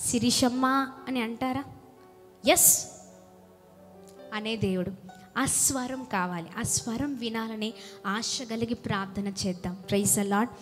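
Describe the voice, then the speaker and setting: A woman preacher giving a fervent sermon and leading prayer, calling out to her congregation and dropping at times to a hushed voice. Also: a little high, takes it slowly, long pauses. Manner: fervent, calls out to the congregation, swings from loud to hushed. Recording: music playing under the voice. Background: music in the background.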